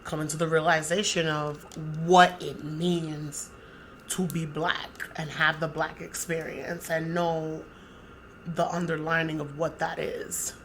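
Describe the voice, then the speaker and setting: A woman's voice: sits low, unhurried, slight background noise. A young woman, co-hosting a podcast in a casual, profane, emphatic chat. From Dominican-American, raised in the United States. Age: young adult. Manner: animated, profane, talks with emphasis and repeats herself. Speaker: podcast co-host.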